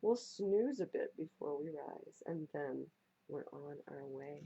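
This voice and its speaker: Reading picture books expressively to little ones at the library, this woman is slow and theatrical, playfully emphasizing and repeating words. Her low voice sounds husky, mellow and a touch creaky, and the lo-fi recording is slightly dull.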